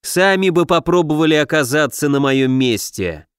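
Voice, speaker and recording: A man voicing a cowardly merchant turned into a bone-armored undead monster, talking in a shrill, pleading, desperate way in an audiobook. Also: animated, moderate pace, clean tone, no echo, clean studio sound, lightly acted. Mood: bitter accusing. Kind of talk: audiobook narration.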